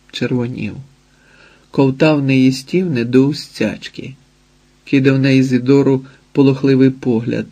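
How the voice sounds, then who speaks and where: A man narrating a novel as an audiobook in a measured, expressive reading. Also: medium pitch.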